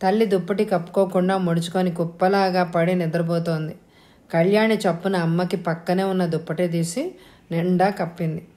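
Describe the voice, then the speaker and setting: A woman reading an audio novel, narrating in a calm, measured way. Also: lowish voice. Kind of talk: storybook narration.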